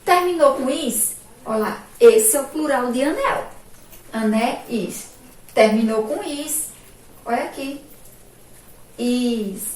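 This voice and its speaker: A woman's voice: sits high, animated, a little mellow. A female teacher with a Sergipe Brazilian accent, giving a remote lesson to children and drawing out each syllable emphatically. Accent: Brazilian Portuguese, Sergipe. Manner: slow, drawn-out, emphatic syllables with frequent "ó" and "olha aqui". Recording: echoey room from far off, faint background noise.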